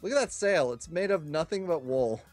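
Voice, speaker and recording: Man, somewhat high voice, stammering, giggly, casual gaming chat, faint music. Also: animated, moderate pace, darkish tone. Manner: hesitant, stammering restarts, giggly. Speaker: gaming channel host.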